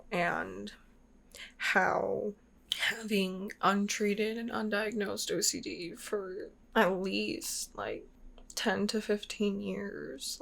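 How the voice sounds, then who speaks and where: With a medium-pitched voice marked by vocal fry, a twenty-something YouTuber talks casually and openly to her channel. It's a personal vlog full of rambling and fillers.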